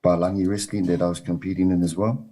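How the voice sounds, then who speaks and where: A man from New Zealand, a wrestling coach, answering interview questions in a measured way with frequent ums and uhs. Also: sits low, little pitch movement, dark tone.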